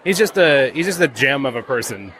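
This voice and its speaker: Brief: mid-pitched man, loose rambling talk, faint ambient noise behind. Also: lively intonation, fairly quick, a crowd in the background. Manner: rambling, lots of "like" and restarts. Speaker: comics creator. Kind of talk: casual interview answers.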